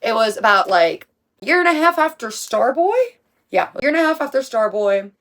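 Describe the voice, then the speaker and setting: A woman's voice: on the high side, expressive, a little fast, a bit bright. A young woman talking casually through a video essay on music, chatty and emphatic, with slang and the odd swear. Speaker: music commentary creator.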